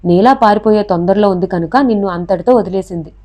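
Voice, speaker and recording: A woman voicing a calm, resolute male detective in a read-aloud novel, speaking his lines plainly. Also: mid-range voice, brisk, natural voice. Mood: steady.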